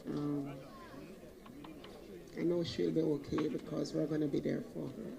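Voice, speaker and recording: A man speaking softly and hopefully as a mourner at a wake. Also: a little high, little pitch movement, a little slow, gravelly, background noise. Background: crowd chatter.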